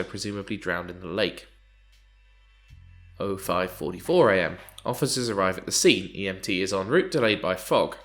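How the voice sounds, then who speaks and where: This let's play host has a fairly low, slightly bright voice, congested from hay fever. Game music sits faintly underneath as he plays, reads the on-screen text aloud, and chats wryly in a casual way.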